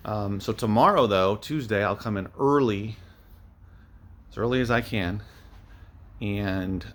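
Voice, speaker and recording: A man who resells media online gives a casual vlog update in a fairly low, creaky voice. He rambles without a script, thinking aloud as he fills his viewers in like a small-time reseller.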